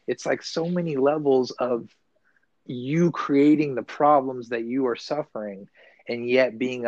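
A medium-pitched man co-hosts a casual podcast, rambling, cursing liberally and correcting himself as he restarts sentences. The recording is dull and dry.

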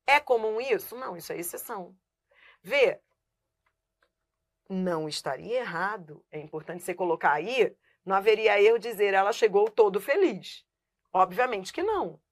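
Woman teaching grammar, checking in often. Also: medium pitch. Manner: asks herself rhetorical questions and answers them; keeps checking in with the viewer and says "look" while writing on a board. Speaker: Portuguese teacher. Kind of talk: live online grammar class.

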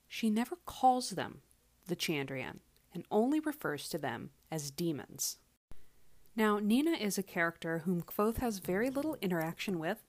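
A woman hosting a solo book podcast in an echoey space, speaking in a measured, deliberate way with dramatic pauses. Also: on the low side. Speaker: podcast host. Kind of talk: podcast monologue, book commentary. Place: away from usual podcast setup, echoey room. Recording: echoey makeshift recording space.

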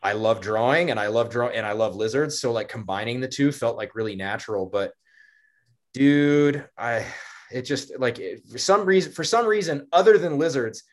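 A man's voice: mid-range voice, lively intonation, normal speed. A young man co-hosting a casual podcast, rambling with fillers and laughs. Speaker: podcast co-host.

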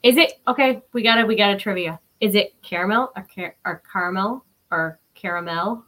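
Bright-voiced, lively woman co-host. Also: mid-range voice. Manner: enthusiastic, quick reactions and jokes. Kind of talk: casual chat.

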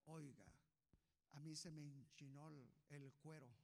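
High gravelly pastor preaching. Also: male voice, fairly even intonation, measured pace. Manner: impassioned, swings from hushed to shouting. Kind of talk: sermon. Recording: long hall reverb.

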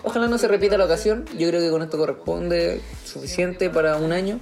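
A young Chilean man talks as a guest in a casual podcast. He jokes, swears freely and defends himself against teasing. Music plays clearly behind him. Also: sits high, fairly quick, darkish tone. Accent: Chilean Spanish. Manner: joking, defensive, swears often.

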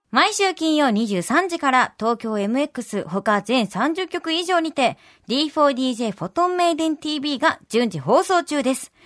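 A woman's voice: high voice, fairly bright tone, no room sound, clean studio sound. A woman with a Kansai accent hosting a radio show, reading announcements and chatting with her co-host.

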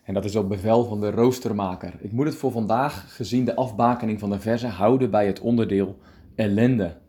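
A male preacher giving a calm radio meditation, reading scripture deliberately and explaining it. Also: on the low side.

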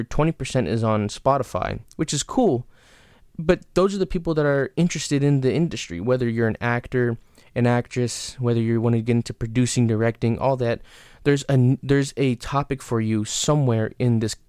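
A man hosting a casual solo podcast gives frank advice that rambles, with lots of fillers, restarts, and some casual cursing, while he battles the hiccups. His voice is mid-range, darkish, and smooth, recorded with clean studio sound and no echo.

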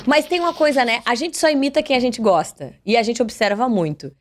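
A woman, a TV presenter speaking as a guest in a casual podcast interview, playful and quick to laugh. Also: fairly high pitch. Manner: playful, laughs easily, does impressions.

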